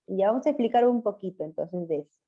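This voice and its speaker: A woman teacher giving an online language class, patiently quizzing her pupils and spelling words out slowly. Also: mid-range voice, expressive. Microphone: video call. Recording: muffled lo-fi video call audio.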